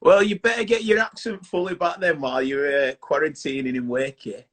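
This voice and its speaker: A man's voice: a little high, steady tone, a little fast, a bit bright. A man with a Yorkshire accent hosting a casual video-call chat show, chatty and upbeat. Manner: chatty, upbeat, plain-spoken.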